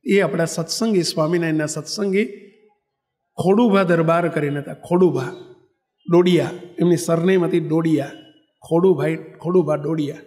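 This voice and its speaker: A monk delivers a sermon as an unhurried story, speaking in a notably high voice for a man. He speaks conversationally and stops to fix his own slips. He addresses his listeners directly as he tells it. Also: a little mellow, long reverb tail. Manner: conversational, corrects himself mid-sentence. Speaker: monk and spiritual leader.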